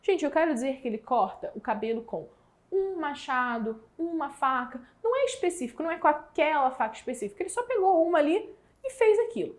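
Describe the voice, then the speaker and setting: Brazilian woman, brazilian portuguese accent, english teacher, high voice, animated, drawn-out examples. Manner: lively, explanatory, stretches out example words. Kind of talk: exam prep lesson.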